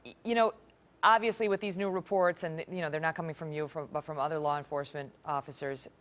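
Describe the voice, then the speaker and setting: Low-voiced news anchor, quick and pressing. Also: female voice, steady tone, dull audio. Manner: pressing, persistent questioning. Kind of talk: live TV news interview.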